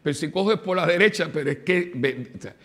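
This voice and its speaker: Older priest, storytelling sermon, chatty and emphatic. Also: male voice, fairly high pitch, lively intonation, a little fast, fairly bright tone. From Cuba. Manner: conversational storytelling, emphatic rises. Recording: livestreamed church Mass.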